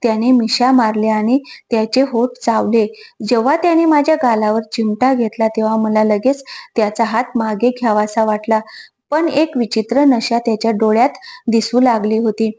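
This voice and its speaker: A woman reads a heartfelt story aloud in the first person, steady and earnest. Her voice sits a little high. It has a mellow, warm tone. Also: moderate pace. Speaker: storyteller, channel host. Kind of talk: scripted first-person narration of an emotional story.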